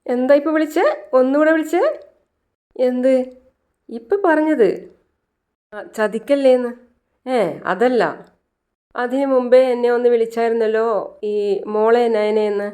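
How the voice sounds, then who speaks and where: A woman voicing a playful, teasing young woman, raising her voice high and keeping it lively. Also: unhurried, pauses often, lightly acted.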